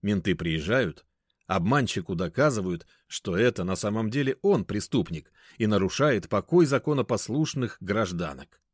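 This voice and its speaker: Low-voiced guy reading a story, bouncy intonation, dry close sound. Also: animated, moderate pace, husky, dry recording. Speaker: narrator. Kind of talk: first-person audiobook narration.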